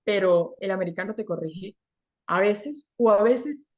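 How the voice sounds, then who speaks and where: A woman's voice: medium pitch, a little slow, muffled recording. Earnest Venezuelan-born woman telling her story. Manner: earnest, animated storytelling with repeated words. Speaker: guest. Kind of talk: conversational interview.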